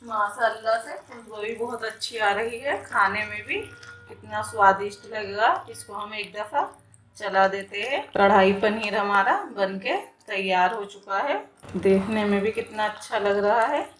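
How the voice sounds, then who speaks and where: A woman who hosts a home cooking channel, calmly explaining each step of a recipe as she cooks in her kitchen. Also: medium pitch, a little slow, slight background noise. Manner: calm, plain step-by-step explaining with repeated phrases. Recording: echoey kitchen with cooking sizzle. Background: frying sizzle and stirring clicks.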